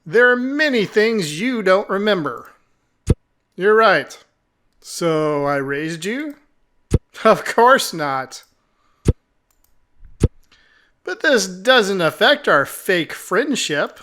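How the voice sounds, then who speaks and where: Snarky talking cat in a game, high and lively, sneers at you, guy doing the voice. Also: takes it slowly, heavily acted. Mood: mocking. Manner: condescending, mocking.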